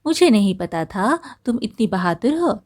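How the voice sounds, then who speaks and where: A woman's voice: medium pitch, big pitch swings, normal speed, darkish tone. A cheeky talking parrot in a storybook, chatty and teasing, male but voiced close to an everyday woman's tone, as a woman reading the tale puts him on. His lines roll along easily in a friendly, playful way.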